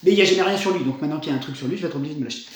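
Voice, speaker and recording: Enthusiastic male reviewer, rambling delivery, fairly high voice, strong room echo. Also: rapid-fire. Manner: enthusiastic, rambling with many fillers and restarts. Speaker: comics reviewer. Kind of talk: casual review monologue. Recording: very echoey room.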